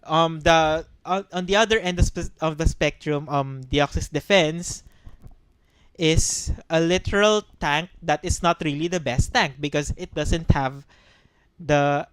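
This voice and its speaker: A man's voice: fairly high pitch, a little slow, clear, resonant tone, dry recording. A man co-hosting a casual gaming podcast, thinking aloud with frequent restarts and ums. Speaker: podcast co-host. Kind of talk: casual chat.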